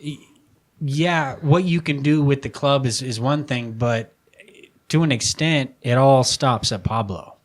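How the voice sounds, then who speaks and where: A man co-hosting a podcast, chatting casually about soccer, opinionated and excitable, swearing now and then. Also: mid-range voice, unhurried. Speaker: podcast co-host. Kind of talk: casual sports chat.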